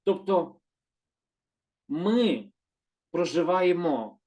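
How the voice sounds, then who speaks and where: A man gives a gentle, unhurried lesson and explains each word with patience. He often slows down to repeat terms and corrects his own slips. His voice sits a little higher than most men's. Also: very animated. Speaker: Hebrew teacher. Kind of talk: calm slow explanatory lesson.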